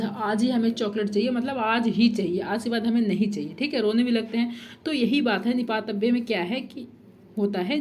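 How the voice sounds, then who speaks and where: Young female tutor, slightly high voice, repetitive questioning delivery. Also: darkish tone, a little hiss or hum. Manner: repetitive, asks and answers own questions; frequent "theek hai" checks. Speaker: teacher. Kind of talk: Hindi grammar lesson.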